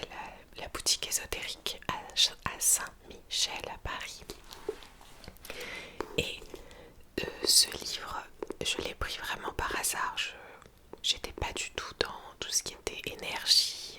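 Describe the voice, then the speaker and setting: A woman whispering softly and breathily, as in a library, in an informal, hesitant ASMR chat presenting books. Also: slow, pauses often. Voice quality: soft, breathy unvoiced whisper.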